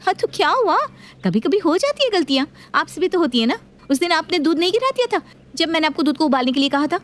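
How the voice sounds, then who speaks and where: A woman's voice: very high voice, very animated, quick pace, voice pushed up. A woman voicing a touchy, defiant young daughter-in-law who argues back indignantly. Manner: indignant, argumentative.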